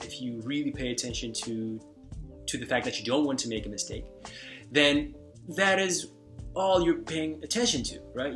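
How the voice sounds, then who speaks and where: A man whose first language is Hungarian gives casual spoken advice on language learning, unscripted and relaxed, rambling, circling back, restarting sentences and using plenty of fillers. His pitch is an ordinary middle, with faint guitar music playing quietly underneath.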